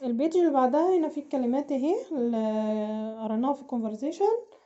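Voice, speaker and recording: High-voiced Egyptian teacher drilling English words. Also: female voice, animated, warm tone, lo-fi sound. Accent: Egyptian Arabic. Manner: drawn-out, drilling words for children to repeat. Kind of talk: slow primary English lesson with Arabic explanation.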